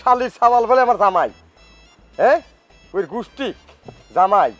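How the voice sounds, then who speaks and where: A man's voice: high-pitched, lively intonation, moderate pace, a bit bright, highs cut off, soft background music. A man with a rural Pabna Bengali accent playing a short-tempered old father-in-law who scolds and curses. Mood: angry. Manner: scolding, cursing.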